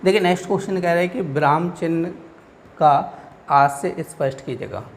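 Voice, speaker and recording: A man's voice: fairly high pitch, fairly quick, a little hiss or hum. A man teaching an exam-prep grammar lesson, explaining patiently, repeating each point and checking in with his students.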